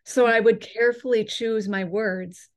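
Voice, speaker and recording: A woman who teaches yoga and chakras, explaining her ideas in an interview in a measured, instructive way and slowing down to draw out vowel sounds as she demonstrates them. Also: fairly high pitch, fairly even intonation, dull audio.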